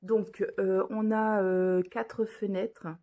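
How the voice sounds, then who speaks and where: A woman's voice: mid-range voice, level tone, slow, warm tone. A woman presenting cross-stitch patterns in a casual vlog, talking hesitantly with many fillers and restarts, indoors under a lamp. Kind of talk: casual show-and-tell vlog.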